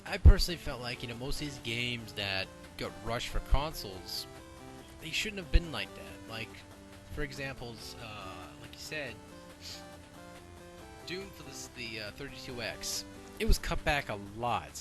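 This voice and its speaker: A man's voice: mid-range voice, lively intonation, normal speed, music in the background, rough recording. A man hosting a casual podcast chat, blunt and opinionated, swearing freely as he argues his point. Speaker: podcast host.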